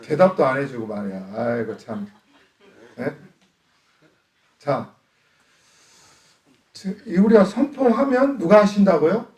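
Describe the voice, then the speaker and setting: A man's voice: a little high, animated, slow pace, long pauses, darkish tone. A middle-aged man from Chungcheong, preaching to his congregation in a joking way, laughing often and asking them questions. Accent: Chungcheong Korean. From Chungcheong, Korea. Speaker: pastor. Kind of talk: sermon. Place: church hall. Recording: echoey church hall, distant mic.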